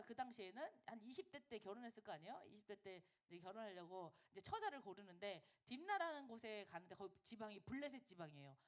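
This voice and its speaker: A woman preaching in a high, very lively voice that swoops up and down. She talks to a college congregation in a chatty, animated way, packing her sermon with rhetorical questions and friendly check-ins.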